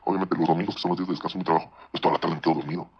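A man with a Mexican accent rattles through a personal story at a breakless clip, his voice very low and husky. The sound is dull and lo-fi. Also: fairly even intonation. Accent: Mexican Spanish. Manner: rapid, conversational, slips into voices for quoted people. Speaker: guest telling a personal story. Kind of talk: casual storytelling on a podcast.

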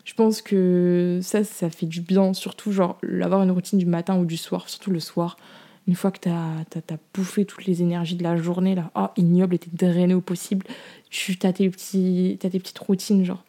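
A woman's voice: fairly low pitch, flat delivery, normal speed, warm tone. A young woman hosting a podcast, chatting casually and candidly in slangy, informal speech as she shares personal advice. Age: young adult. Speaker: podcast host.

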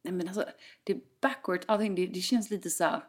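A young woman in casual chat, full of fillers and quoted exchanges. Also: fairly low pitch. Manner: chatty, frequent fillers, acts out quoted exchanges.

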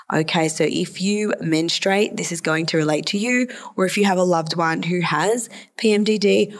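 With a sore throat making her a bit hoarse and nasal, a psychologist walks listeners through a topic in a solo podcast episode. She has a lowish voice.

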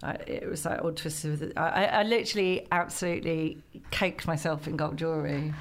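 A woman's voice: deep voice, fairly even intonation, brisk. A woman from Chatham in Kent, a comedian guest chatting casually on a podcast, giggly and full of ums. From Chatham, Kent, England.

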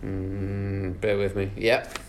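A man's voice: deep voice, completely flat delivery, slow pace, a little hiss or hum. A man, hosting a podcast and running a casual football quiz, keeping score and teasing the players. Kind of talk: casual pub quiz banter.

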